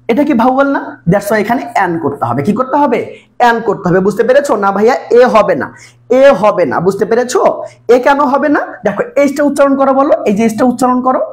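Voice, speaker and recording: Fast-talking man tutoring. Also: very high voice. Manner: repetitive coaxing, constant quiz questions to students. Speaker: English tutor. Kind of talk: live online exam-prep class.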